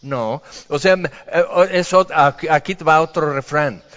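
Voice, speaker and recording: A man preaches a sermon in a conversational style, acting out the voices he quotes. His voice is fairly high, a bit bright and a little slow, captured in a dull recording with a long hall reverb.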